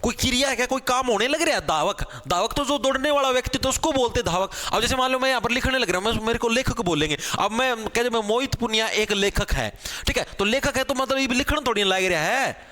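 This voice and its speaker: A male teacher leading a live online grammar class, energetic and pushing students to answer fast. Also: very high voice. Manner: calls students "bhai" again and again.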